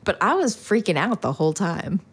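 A woman's voice: mid-range voice, a little fast, husky. A woman co-hosting a casual advice podcast, telling stories with lots of laughter and acted-out reactions. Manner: animated storytelling, laughs often, mimics herself. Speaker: podcast co-host. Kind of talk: casual chat.

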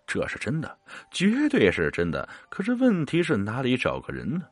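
A man's voice: mid-range voice, wildly swooping pitch, normal speed, no room sound, soft background music. A man playing a nervous young scholar. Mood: eager. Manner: stammering, anxious.

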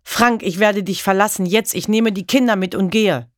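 A woman reading a story aloud and voicing a frightened mother who pleads softly with her husband. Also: medium pitch, normal speed, no echo, clean studio sound, voice pushed up, close to an everyday voice. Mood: resolute. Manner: soft, pleading.

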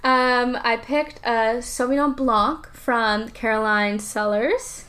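A woman's voice: a little high, takes it slowly, fairly bright tone. A woman in her twenties co-hosting a podcast in casual chat, laughing often and saying "like" a lot. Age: 20s. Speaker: podcast co-host. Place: indoors on a trip.

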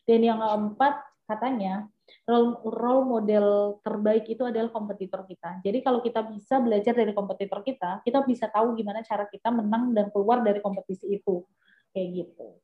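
A woman's voice: mid-range voice, a little fast. A young adult woman, a business guest, talking casually and animatedly with lots of fillers. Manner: chatty, animated, with many fillers. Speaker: entrepreneur guest. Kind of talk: casual interview chat. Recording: echoey, dull lo-fi sound.

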